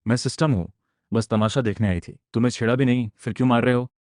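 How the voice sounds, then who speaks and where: A man's voice: mid-range voice, fairly even intonation, fast, a little mellow, no echo, studio quality, close to an everyday voice. A man reading a whiny, cowardly female ghost system. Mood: pleading. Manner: pleading, whimpering.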